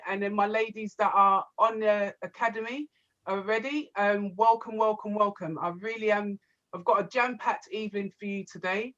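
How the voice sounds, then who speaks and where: Woman presenting over dull video call. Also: mid-range voice. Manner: warm greetings, repeats words. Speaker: property investment coach. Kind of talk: casual webinar presenting.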